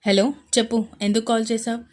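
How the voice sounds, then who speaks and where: A woman's voice: a little high, little pitch movement, fast, a little mellow, natural voice. A woman voicing a protective young man, urgent and commanding as he takes charge. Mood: casual.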